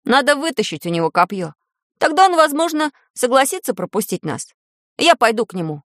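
Caring storybook boy wizard, a woman reading him, soft and earnest, lively pitch. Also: a little fast, dry recording, clean studio sound. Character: brave young boy wizard, calm and caring.

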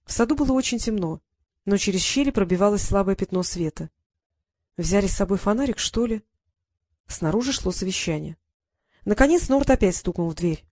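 A woman reading a children's novel aloud as a lively, expressive narrator. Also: medium pitch, a little fast, dry recording, studio quality. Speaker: audiobook narrator. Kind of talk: scripted narration.

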